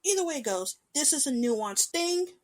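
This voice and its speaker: A woman hosting a casual show, talking about an anime in an animated, chatty way with lively swings in pitch and loudness. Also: moderate pace. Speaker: podcast host.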